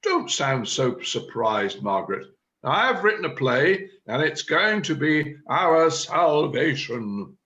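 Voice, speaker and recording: A man's voice: a little high, sing-song, a little slow, pushed and bright, muffled recording, exaggerated voice. A man reading the part of a self-important chairman of an amateur drama group, declaiming his big plan. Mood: scheming. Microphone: video call.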